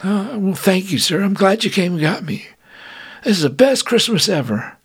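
A man's voice: high-pitched, very animated, breathy edge, pitched above the performer's own voice, exaggerated voice. A man putting on a meek, grateful toy soldier. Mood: earnest. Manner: plaintive, eager, halting.

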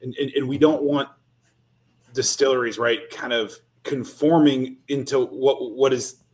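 A man's voice: medium pitch, steady tone, measured pace, darkish tone. A man speaking as a guest on a podcast, explaining earnestly and checking in with repeated "right". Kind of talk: casual interview chat.

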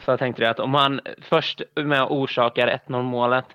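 A man's voice: mid-range voice, fairly even intonation, pushed and bright, clear, resonant tone, no echo. Hesitant man on a dull headset. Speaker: podcast co-host. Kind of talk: casual football analysis.

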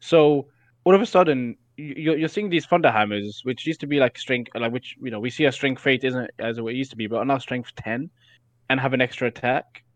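A man's voice: mid-range voice, fairly quick. A man with a mid-range voice talks as a podcast guest, working through game tactics with lots of ums and false starts. The sound is dry and close, with no room echo. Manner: hesitant, many fillers and restarts, analytical. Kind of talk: casual gaming podcast chat.

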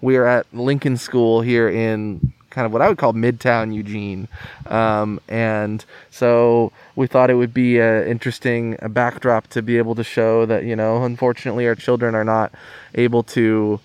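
A man's voice: medium pitch, flat delivery, normal speed, clear, resonant tone, no room sound. American man talking through a face mask. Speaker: podcast host. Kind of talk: casual conversational interview. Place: outdoors at a school playground. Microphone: podcast microphone, spoken into through a mask.

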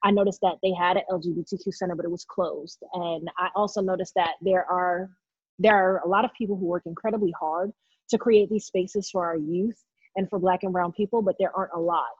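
A woman in her thirties from New York City, a guest in an interview, talking loudly and passionately about herself. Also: fairly low pitch, steady tone, brisk, husky, no room sound, highs cut off. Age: 30s. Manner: loud, outspoken, passionate. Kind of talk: casual interview talk.

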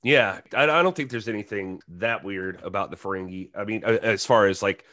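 A man co-hosting a podcast, giving animated, casual commentary. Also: fairly low pitch, fairly quick, dry recording, clean studio sound. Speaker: podcast co-host.

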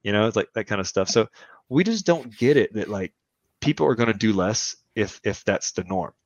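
On dull, dry lo-fi podcast audio with no room sound, a guest in his thirties talks casually and emphatically, rambling through strong opinions. His voice is on the low side, expressive and fairly quick.

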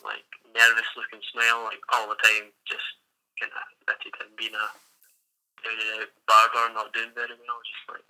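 Male guest, piercing bright voice, relaxed hesitant chatter. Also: on the low side, normal speed, low-quality recording. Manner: easygoing, hesitant with fillers. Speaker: podcast guest. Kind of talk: casual podcast chat.

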